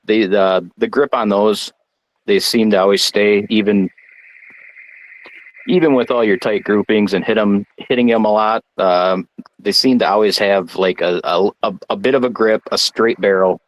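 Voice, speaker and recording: A man from Michigan, a guest darts player, chatting casually and haltingly, with lots of restarts and fillers. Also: on the low side, rough recording. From Michigan, United States. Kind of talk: casual chat.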